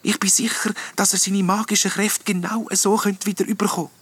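A man voicing a small, sad and hopeful ghost, speaking softly in a whispery way in a storybook reading. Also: high voice, little pitch movement, fairly quick, slightly rough, dry recording, voice pushed up. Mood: solemn hushed. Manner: soft and whispery.

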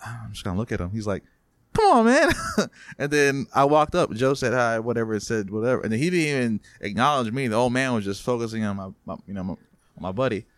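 Guy, podcast co-host, mid-pitched, dry close mic, loose and profane storyteller. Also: fast, dry recording. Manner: rambling, profane, restarts a lot. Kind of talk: casual storytelling chat.

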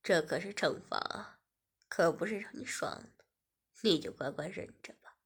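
A woman reads a self-assured young man who teases everyone around him. The voice is pushed lower than her own and stays breathy. It is narrated audiobook-style. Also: normal speed, heavily acted. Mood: smug teasing. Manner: smug, teasing.

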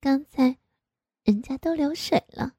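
A high, coy voice of a pouty young woman, wheedling slowly, put on by a woman reading the story. The tone stays soft and mellow. The recording is dry, with no room sound. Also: no room sound.

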